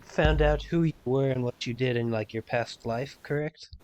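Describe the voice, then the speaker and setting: A man's voice: mid-range voice, normal speed, a little mellow, dry recording, rough recording. A young man hosting a casual podcast interview, asking his questions hesitantly with lots of fillers. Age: young adult. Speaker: podcast host.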